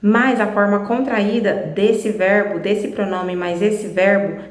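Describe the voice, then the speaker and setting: A woman's voice: mid-range voice, steady tone, slow, roomy sound. A woman teaching English online in a chatty way, repeating examples and speaking straight to her viewers. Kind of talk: casual online lesson.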